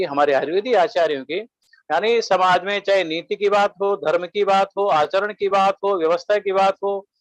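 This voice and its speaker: A man giving a webinar lecture, listing points one by one in a measured way and quoting Sanskrit verses. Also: high-pitched, no room sound, low-quality recording.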